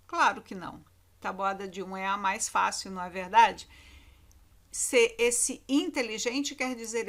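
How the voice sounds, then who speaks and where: A Brazilian woman teacher with a Brazilian Portuguese accent gives a recorded lesson to children. Her voice is on the high side and a bit bright, and she repeats key words with emphatic intonation.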